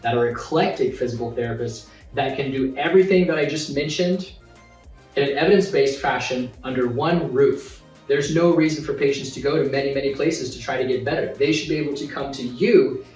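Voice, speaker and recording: A man's voice: mid-range voice, brisk, a little mellow. Man, earnest, in a roomy space. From Zimbabwe. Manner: earnest, with filler words. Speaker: physiotherapy course instructor. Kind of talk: casual interview talk. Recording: roomy room, distant mic, faint music.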